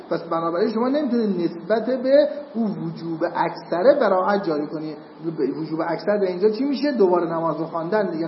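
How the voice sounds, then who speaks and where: Explaining Islamic jurisprudence one step at a time, a male seminary lecturer keeps asking "got it?" to make sure students keep up. His voice is high. The recording sounds muffled and lo-fi, with echo from the hall and a little hiss or hum.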